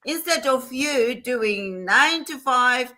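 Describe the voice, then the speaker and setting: A woman's voice: sits high, expressive, takes it slowly, sharp tone. A woman hosting a motivational livestream, talking in an earnest, emphatic way and repeating her points. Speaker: livestream host.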